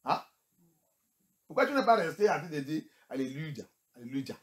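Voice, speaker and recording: A man's voice: a little high, big pitch swings, moderate pace. A male pastor preaching, who moves between English and French and fires rhetorical questions at the congregation. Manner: switches between English and French, rising to shouts. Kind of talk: sermon.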